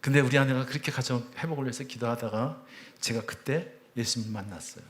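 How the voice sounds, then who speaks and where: A church elder in his fifties tells his testimony to a congregation. He speaks earnestly, climbing high when moved and falling to a soft near-whisper at tender points. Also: quick pace, a little hiss or hum. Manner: earnest storytelling, voice swelling high on emotional peaks; drops to a hushed near-whisper at tender moments. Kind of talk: personal testimony talk.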